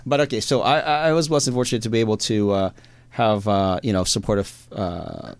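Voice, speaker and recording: A man's voice: lowish voice, steady tone, a little fast, clear, resonant tone. A man hosting a casual interview, talking hesitantly with many restarts and frequent laughs. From Filipino background, raised abroad. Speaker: podcast host.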